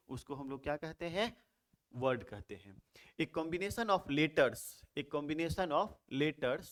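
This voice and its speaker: A man with a voice on the high side teaches English grammar in a Hindi lecture, posing rhetorical questions and answering them himself while repeating key terms slowly.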